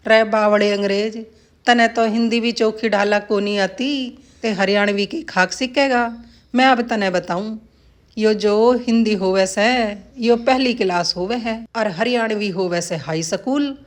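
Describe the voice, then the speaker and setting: A woman's voice: medium pitch, measured pace, lightly acted. A woman voicing a blunt, teasing old village man who talks in rustic dialect.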